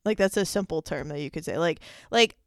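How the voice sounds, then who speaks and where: A woman's voice: low voice, expressive, brisk, creaky, dry recording, clean studio sound. A woman in her twenties hosting a solo podcast, talking casually and rambling with lots of "like" as she thinks aloud. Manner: rambling, heavy use of "like". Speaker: podcast host.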